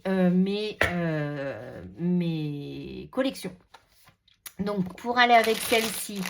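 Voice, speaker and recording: A woman's voice: mid-range voice, slight background noise. A woman hosting a casual crafting tutorial, chatting with frequent hesitations while she handles paper and stickers. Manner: chatty, hesitant with many fillers, talks while handling materials. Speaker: crafting video host.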